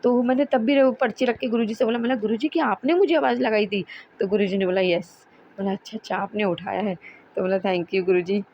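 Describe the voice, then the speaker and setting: A woman's voice: mid-range voice, fairly quick. A woman casually sharing a devotional testimony with listeners, chatty and rambling with frequent restarts, earnest and pleading when she speaks to her guru. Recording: dull lo-fi recording with faint hiss.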